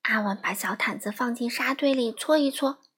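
A woman reading a picture book aloud to young children in a lively, coaxing storytelling manner. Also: fairly high pitch, normal speed, breathy edge.

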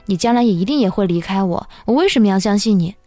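A wounded, guarded male bear from a storybook, wary and a little bitter in how he speaks, as a woman narrator puts him on. The voice sits fairly high and sounds close and dry. Soft music plays faintly underneath. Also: expressive, fairly quick, no room sound, lightly acted. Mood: anguished.

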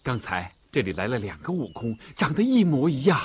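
An actor playing a gentle, easily alarmed male Buddhist monk master in a TV drama, asking anxious questions. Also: mid-range voice, sing-song, a little fast, breathy edge. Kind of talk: TV drama acting.

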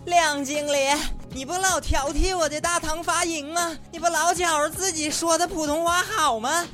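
A woman's voice: extremely high pitch, steady tone, a bit bright, soft background music. A woman voicing a tipsy, rowdy young woman who slurs and drags her words in a comedy sketch. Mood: defiant. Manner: drunken slurring, drawn-out words.

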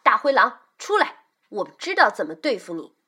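A woman's voice: mid-range voice, sing-song, unhurried, husky. A woman voicing a loving but fierce young mother in a children's storybook, soothing at times and scolding at others. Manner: gentle and soothing, turning loud and scolding.

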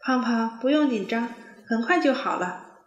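A gentle little duckling nurse from a children's storybook, soft-spoken and quick to feel hurt, voiced by a woman reading aloud. An echoey room surrounds the voice. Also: fairly high pitch, lively intonation, muffled recording.

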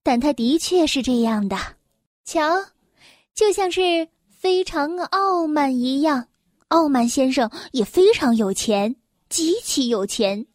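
A woman reading a children's storybook aloud, slow and expressive. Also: high-pitched, dry recording, clean studio sound.

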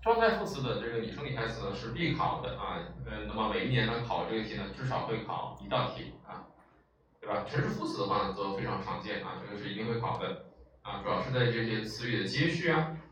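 A man delivers a classroom lecture, explaining points step by step and checking in with his students again and again. His voice sits a little low. The recording catches him from a distance in a strongly echoing room with a faint hiss underneath. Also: expressive, fast talker, fairly bright tone. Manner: explanatory, frequent filler sounds and rhetorical checks. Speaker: Japanese language teacher. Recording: echoey room, far from mic, faint noise.

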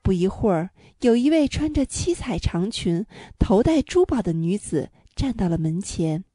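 A woman narrating a children's storybook with a gentle, clear delivery. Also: medium pitch, very animated, moderate pace, no echo, studio quality.

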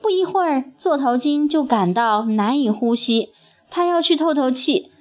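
A woman narrating a children's story in an expressive, sing-song storytelling manner. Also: sits high, moderate pace.

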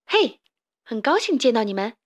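Storybook role: a woman doing a bright, upbeat young forest boy. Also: fairly high pitch, very animated, normal speed. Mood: friendly. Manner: friendly, upbeat.

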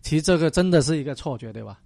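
A man hosting a finance talk show, asking questions in a slow, relaxed way with frequent fillers. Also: a little high, creaky, no room sound, clean studio sound. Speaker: radio show host. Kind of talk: casual talk-show interviewing.

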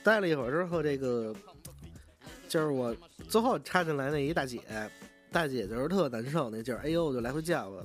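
A man's voice: medium pitch, lively intonation, a little fast, faint music behind. A man with a Beijing accent tells a story in a casual, rambling way, swearing freely and often restarting his sentences. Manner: profane, rambling, frequent restarts. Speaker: vlogger.

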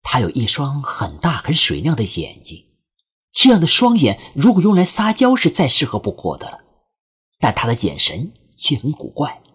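Male audiobook narrator, expressive first-person suspense reading, husky. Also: mid-range voice, normal speed.

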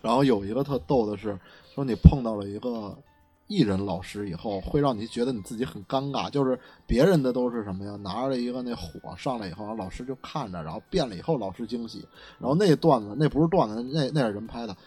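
A man's voice: mid-range voice, fast talker, breathy edge. A man, co-hosting a casual chat about internet memes and telling anecdotes in colloquial slang. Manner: animated storytelling with colloquial slang. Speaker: podcast co-host.

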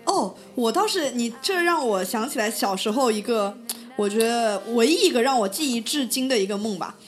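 A woman's voice: fairly high pitch, animated, fairly quick. A woman from Wenzhou hosting a casual group chat, telling stories and posing reflective questions to the others. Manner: reflective storyteller who poses questions to the group.

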